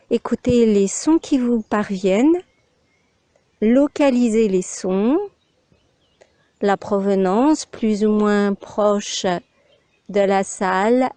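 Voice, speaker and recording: Speaking in brief, extremely slow instructions, a woman who teaches yoga leads a guided meditation, leaving pauses between each phrase. The sound is close and very dry, with no echo, and her voice is mellow and on the higher side.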